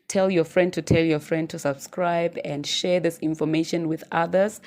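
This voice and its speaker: A woman vlogger giving casual advice, often ending her points with "right?" and filling pauses with "um" and "uh". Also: deep voice, fairly even intonation, a little mellow. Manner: chatty, ends points with "right?"; many fillers and restarts. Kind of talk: informal advice monologue.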